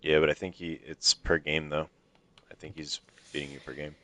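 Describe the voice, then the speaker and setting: A young man with a very low, deep voice ribs his buddies in profane gaming banter. He talks over a headset in loose voice chat, needling and cursing freely. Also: flat delivery, normal speed, fairly bright tone. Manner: trash-talking, profane, needling. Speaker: online league player.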